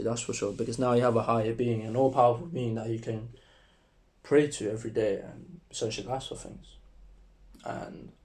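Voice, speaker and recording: Talking to camera with a throat that sounds sore and strained, a young vlogger drifts through a loose, swear-filled monologue. His delivery is laid-back, and he consciously pushes his voice lower.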